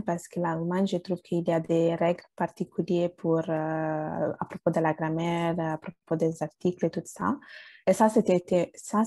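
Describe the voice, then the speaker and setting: A woman from Italy, whose first languages are Bengali and Italian, speaks as a guest in a conversational interview. Her voice is fairly low and warm, the sound dry with no echo, and she hesitates a lot, with many fillers and restarts.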